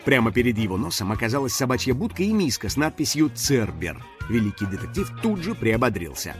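Guy reading a kids story, very animated, music faintly under it. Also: medium pitch, fast talker. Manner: lively, expressive storytelling. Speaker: narrator. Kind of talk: scripted children's story narration.

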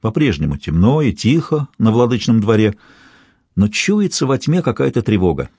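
A man narrating a historical novel in steady scripted storytelling. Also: mid-range voice, normal speed, breathy edge, dry recording. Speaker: audiobook narrator.

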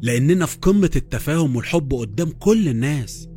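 Fast Egyptian man narrating horror. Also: fairly high pitch, lively intonation, mellow. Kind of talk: first-person horror narration. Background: faint music.

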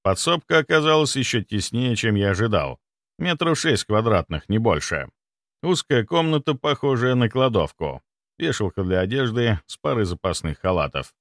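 A man narrating a first-person audiobook in an expressive, wry manner. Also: on the low side, normal speed, no echo, studio quality.

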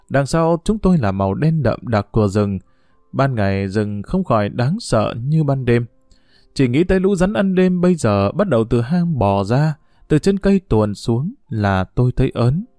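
A man reading a story aloud in a steady, even narrating voice. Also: medium pitch, dry recording, studio quality. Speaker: audiobook reader.

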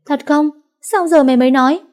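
A woman voicing a brash, heartbroken young woman who speaks loudly and bluntly in speech, as an audiobook character. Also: lowish voice, lively intonation, normal speed. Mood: emotional. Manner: loud, blunt, emotional.

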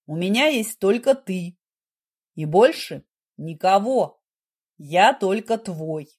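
A woman reading an audiobook puts on a devoted, intense husband whose voice drops into a husky low murmur. He speaks insistently but tenderly, in a slow, unhurried delivery. The tone is dark and breathy. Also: lively intonation. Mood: calm. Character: passionate adult man, devoted husband, intense.

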